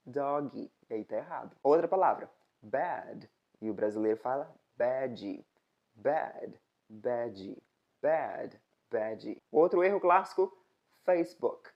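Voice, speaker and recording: A woman from Brazil with a Brazilian Portuguese accent, teaching in a casual video lesson, explaining step by step and slowly repeating example words. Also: a bass voice, dull audio. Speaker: English teacher.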